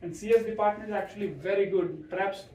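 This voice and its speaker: A man's voice: high voice, quick pace, dark tone, a little hiss or hum. A man hosting a class for children, talking casually with many restarts and checks like "right?". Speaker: host introducing a guest to kids. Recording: echoey room, far from mic.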